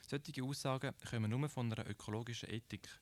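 A man with a Swiss German accent reads a scripted radio commentary at a middle pitch. He explains in a measured way and often poses rhetorical questions to his listeners. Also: fairly even intonation. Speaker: radio presenter.

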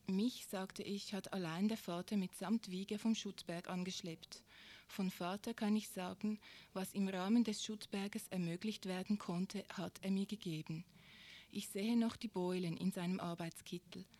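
A woman giving a measured, expressive literary reading. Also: medium pitch. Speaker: reader.

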